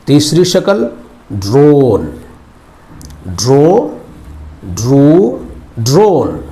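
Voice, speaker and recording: A man with a warm voice on the high side teaches English verb forms in formal Hindi with an Urdu flavour. It's a slow recorded vocabulary lesson, and he repeats each word several times.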